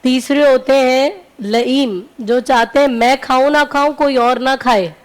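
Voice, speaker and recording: In a TV broadcast studio, a woman scholar gives religious teaching on a talk show, explaining in numbered points and repeating key phrases in a didactic way. Her voice sits high with fairly even intonation and an unhurried pace.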